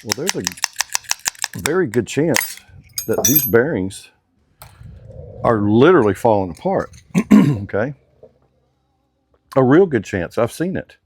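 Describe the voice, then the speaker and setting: A man's voice: medium pitch, big pitch swings, slow pace, long pauses, darkish tone, a little hiss or hum. A man working as a motorcycle mechanic who talks through a hands-on workshop demonstration in casual, drawling shop talk with slang.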